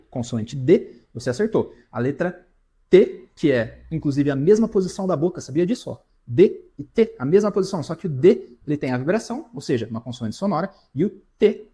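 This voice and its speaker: A man's voice: fairly high pitch, warm tone, breathy edge. A man teaching an English pronunciation lesson, explaining step by step and asking the viewer questions.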